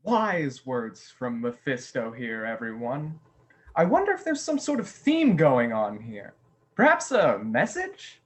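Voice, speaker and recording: A man's voice: medium pitch, wildly swooping pitch, a little slow. A man playing Satan as a sarcastic, mock-pondering master of ceremonies for a panel of demons in a stage play. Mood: sardonic. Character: Satan, sardonic male devil presiding over a demon panel. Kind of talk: theatrical monologue acting.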